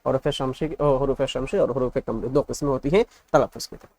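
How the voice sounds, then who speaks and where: A man's voice: medium pitch, steady tone, a little fast, darkish tone, slight background noise. A male teacher giving an exam-prep lesson, patiently drilling letters in repeated lists and asking the class check questions.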